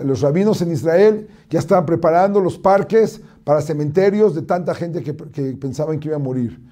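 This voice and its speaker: Rabbi telling stories, kinda high but mellow voice, lots of restarts. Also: male voice. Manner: storytelling, acts out cries in a raised voice, frequent restarts. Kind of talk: sermon-style teaching talk.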